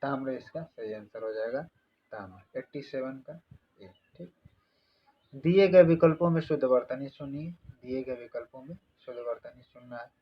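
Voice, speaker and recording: Male exam-prep teacher, mid-pitched, methodical, repeats every answer, slightly muffled lo-fi sound. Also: normal speed, husky. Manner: explains step by step, repeats each answer and asks rhetorical questions. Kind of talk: online exam-prep lesson.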